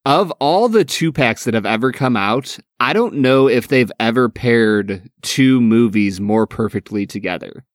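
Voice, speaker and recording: A man's voice: medium pitch, lively intonation, a little slow, hardly any pauses, no echo, clean studio sound. A young man co-hosting a podcast, chatting casually in a bro-ish, slangy, joking way. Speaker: podcast co-host. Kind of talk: casual chat.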